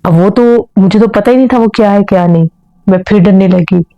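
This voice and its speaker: A woman's voice: mid-range voice, brisk, dark tone, dry recording, lo-fi sound. A woman telling a first-person horror story in an earnest storytelling manner.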